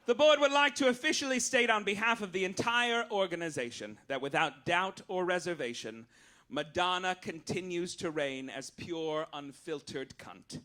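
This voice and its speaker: A man with a high-pitched, bright, forceful voice speaks at a moderate pace while hosting a live cabaret show. He reads mock-official announcements to the audience as satirical stand-up, with a campy, arch, theatrical manner.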